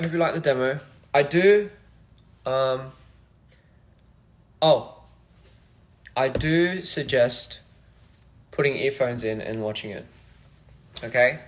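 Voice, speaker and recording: A young man from Australia chatting casually on a phone livestream, soft-spoken and reflective, drifting between thoughts. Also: medium pitch, takes it slowly, long pauses. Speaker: musician livestream host.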